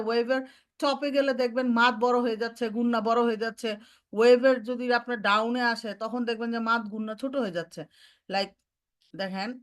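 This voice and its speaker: A woman teaching Quran recitation, mixing in English terms and demonstrating each sound slowly. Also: a little high. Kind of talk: online recitation lesson.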